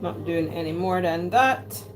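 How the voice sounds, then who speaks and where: A woman with a Jamaican accent, a home cook vlogger, speaks unhurriedly in a lowish voice as she chats casually through each step of her cooking at home. Soft music plays behind her, along with clinking dishes and cutlery.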